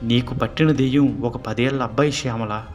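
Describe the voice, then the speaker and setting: A man voicing a calm holy man who drives out ghosts, explaining in a steady way. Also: mid-range voice, a little fast, soft background music, close to an everyday voice.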